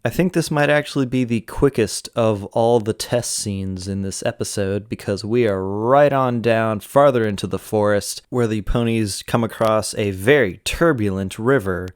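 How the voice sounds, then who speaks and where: A man's voice: lowish voice, moderate pace, hardly any pauses, clean tone, dry recording, clean studio sound. A man giving scripted recap narration and commentary as host of an episode retrospective.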